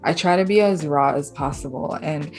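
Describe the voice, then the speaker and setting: A young woman from Bangladesh, an artist and writer, speaking thoughtfully and softly in a casual interview with fillers and small laughs. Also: low voice, normal speed, faint music behind. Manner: thoughtful, soft-spoken, with frequent fillers and light laughs.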